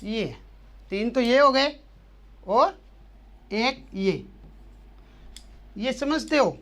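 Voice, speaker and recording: A man's voice: very high voice, drawn-out words, fairly bright tone. A man teaching the German alphabet, patiently drilling each letter by asking a question and then answering it again and again. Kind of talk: language lesson explaining letters.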